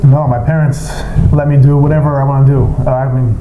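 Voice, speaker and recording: A young American man answering interview questions in a laid-back, soft-spoken, unhurried way. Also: medium pitch, flat delivery, echoey room, phone-quality sound, background noise. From United States. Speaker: basketball player, interviewee.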